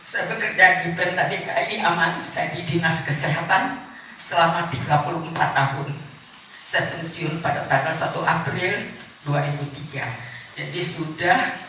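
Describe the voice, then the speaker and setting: Woman in her 70s, church testimony, earnest and heartfelt, low-ish voice, distant mic in a booming hall with background noise. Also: bright, forceful tone. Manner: earnest, heartfelt, with short pauses. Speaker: church member giving testimony. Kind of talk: personal testimony at a church gathering.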